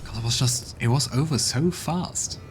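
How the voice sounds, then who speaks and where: A let's play streamer with a mid-range male voice talks at normal speed over faint game music. He thinks aloud during casual gameplay commentary, muttering commands with lots of hesitation.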